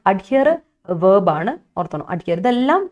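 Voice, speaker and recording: A woman's voice: medium pitch, sing-song, normal speed, a little mellow, dull audio. A young woman with a Malayali accent teaching English vocabulary in an online exam-prep lesson, chatty and coaxing, repeating key points.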